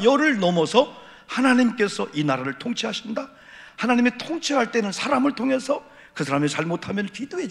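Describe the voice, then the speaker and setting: A middle-aged man preaching an evening sermon as a senior pastor in a church sanctuary, with emphatic repeated refrains and rhetorical questions. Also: sits high. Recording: echoey church hall reverb.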